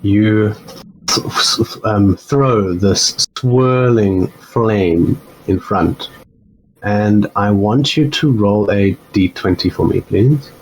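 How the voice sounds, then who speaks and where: A man's voice: lowish voice, takes it slowly, darkish tone, a little hiss or hum, rough recording. A man narrating as game master of a tabletop game, rambling with fillers and self-corrections.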